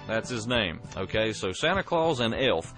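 Male DJ, loose and rambling, lowish voice, over soft music. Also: very animated, moderate pace. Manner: rambling, filler-heavy. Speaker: radio DJ host. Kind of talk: comedy radio interview.

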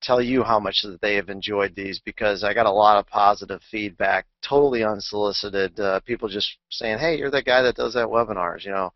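Male webinar host, lowish voice, grateful and casual, dull dry audio. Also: brisk, hardly any pauses, no room sound. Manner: friendly, thanking, with fillers. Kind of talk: closing remarks of a webinar.

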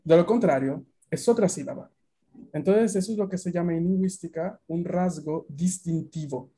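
A man's voice: high-pitched, normal speed, dark tone, slightly rough. A Latin American man teaching a beginner language class over a video call, explaining at length and often checking that students follow.

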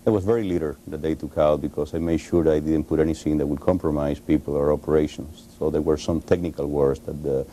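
Very deep-voiced Cuban man, halting. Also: fairly even intonation, dark tone, a little hiss or hum. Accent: Cuban Spanish. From Cuba. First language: Spanish. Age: 40s. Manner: halting, frequent uh pauses and restarts. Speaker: interview guest, author. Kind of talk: televised studio interview. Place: TV studio. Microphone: lapel.

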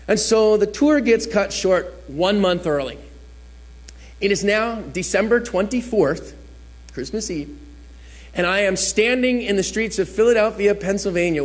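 Man, high voice, preacher from New Jersey, chatty storytelling sermon, acts out the people in his story. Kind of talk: sermon told as a personal story.

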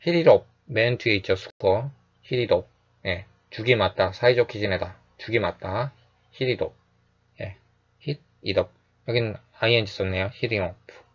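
A man teaching English phrases in a calm, explanatory lecture, repeating each phrase slowly and often adding a short "yes". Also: fairly low pitch, dull audio.

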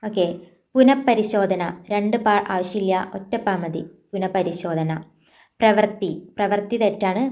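A woman's voice: mid-range voice, a little mellow. Malayali woman teaching word corrections. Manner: repeats words slowly for correction; casual asides to viewers. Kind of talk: exam-prep language lesson.

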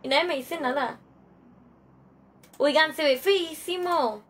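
A woman's voice: sits high, slow, a bit bright. A young woman with a Mexican Spanish accent chatting casually with viewers while she plays, slangy and profane, greeting people by name. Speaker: gaming streamer. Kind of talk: casual livestream chat while playing.

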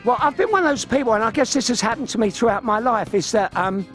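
A man's voice: extremely high pitch, lively intonation, fast talker, a bit bright, soft background music. A man in his fifties with a London accent, chatting casually and telling anecdotes as a radio guest in a studio. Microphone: studio microphone, headphones on.

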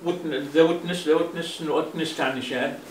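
A man teaching a bilingual grammar lesson. He says each English phrase slowly and more than once, then explains it in quicker Arabic with drawn-out fillers and restarts. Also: fairly high pitch, fairly even intonation. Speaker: language teacher. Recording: roomy, from a distance, faint hum.

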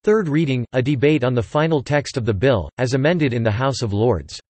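A man's voice: mid-range voice, fairly quick, dry recording. Synthetic male article reader, very dry. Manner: even, steady reading of an encyclopedia article. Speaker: text-to-speech reader.

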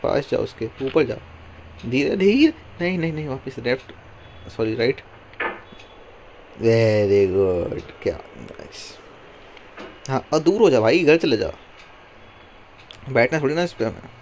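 A hoarse man giving casual gameplay commentary, pleading with and scolding his game character and counting one, two, three before each move. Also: medium pitch, expressive, normal speed, long pauses. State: hoarse throat. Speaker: gameplay streamer. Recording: noisy recording with mouse clicks.

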